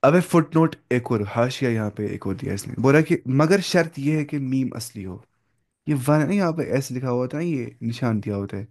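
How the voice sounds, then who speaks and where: A man's voice: mid-range voice, expressive, a little mellow. Man teaching Quran recitation rules. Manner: explains in conversational Urdu, often checks understanding with "okay?"; mixes in English words. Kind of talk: classroom lesson on recitation rules.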